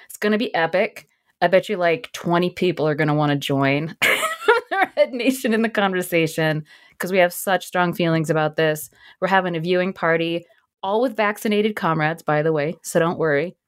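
A woman's voice: lowish voice, animated, moderate pace. A woman co-hosting a casual podcast chat, joking, swearing and laughing often. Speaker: podcast co-host.

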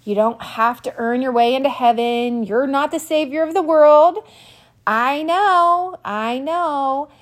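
A woman in her forties hosting a podcast, telling a personal story in a quick, animated, self-mocking way, a little out of breath. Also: sits high. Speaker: podcast host. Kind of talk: personal monologue.

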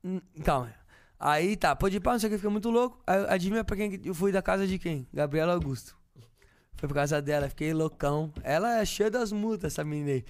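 Tipsy podcast guest, high-voiced man, gushing and profane. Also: fairly quick. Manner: tipsy, effusive, swears a lot. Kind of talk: casual chat.

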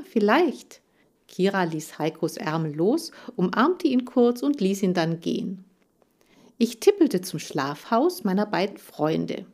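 A woman reading a children's audiobook in a calm, careful storytelling manner. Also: mid-range voice. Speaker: audiobook reader.

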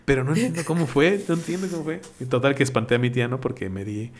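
A man's voice: medium pitch, fast talker. A man with a Mexican accent, co-hosting a casual podcast and telling childhood stories, laughing often and acting out the voices of people he quotes. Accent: Mexican Spanish. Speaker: podcast co-host.

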